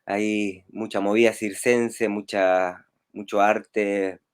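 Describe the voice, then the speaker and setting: A street clown from Rosario, Argentina, an adult man, chats as a guest over a video call in a relaxed, rambling way, chuckling often. His voice is lowish and clean, and he takes his time.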